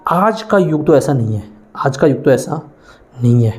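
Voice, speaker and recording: A man's voice: medium pitch, expressive, moderate pace, darkish tone, roomy sound. A man from Haryana with a Haryanvi accent, teaching a maths class and reciting times tables in a repetitive lecture style. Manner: chants times tables, repeats phrases. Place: coaching classroom.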